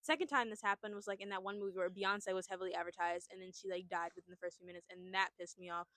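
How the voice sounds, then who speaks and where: A woman's voice: medium pitch, steady tone, fast, bright, forceful tone, no room sound. A young woman co-hosting a podcast, casually retelling a horror movie plot in a chatty, rambling way. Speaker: podcast co-host. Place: outdoors at a picnic.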